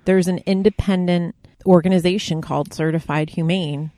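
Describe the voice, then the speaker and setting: A woman co-hosting a food podcast in casual chat, talkative and quick to laugh. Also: fairly low pitch, steady tone, dark tone, no echo, studio quality. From New Jersey. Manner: chatty, laughs often. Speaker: podcast co-host.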